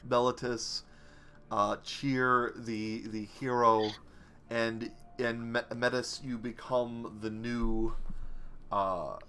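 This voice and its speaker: A man narrating as the game master of a tabletop role-playing game, halting with frequent ums and restarts. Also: mid-range voice, steady tone, bright, forceful tone. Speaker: dungeon master.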